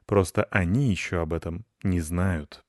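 A man's voice: low-pitched, a little slow, a little mellow, no echo, clean studio sound. A man doing a firm, bossy grey tomcat. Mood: matter-of-fact. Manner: matter-of-fact, firm.

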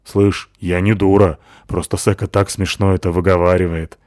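A man voicing a tough, blunt woman who talks in a gruff, coarse, matter-of-fact way. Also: low-pitched, flat delivery, normal speed, darkish tone, no echo, clean studio sound, natural voice.

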